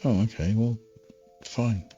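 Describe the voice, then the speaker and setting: A man's voice: lowish voice, takes it slowly, warm tone, faint music behind. A man streaming a game, rambling and dry, with self-mocking asides. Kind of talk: live game-stream commentary. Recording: dull, dry stream audio.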